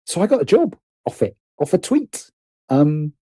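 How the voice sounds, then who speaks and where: Here a middle-aged writer-producer chats as a podcast guest in a casual interview, often halting and restarting his sentences. His pitch runs on the high side and he's very animated, moving at a moderate pace with a mellow, husky tone. It's a dry, studio-quality recording.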